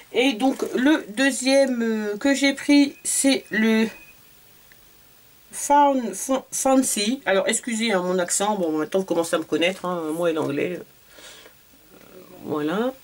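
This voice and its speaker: Speaking at a medium pitch, the French woman walks through her shopping haul in a relaxed beauty-vlog style. She hesitates a lot, leaning on fillers and saying words twice.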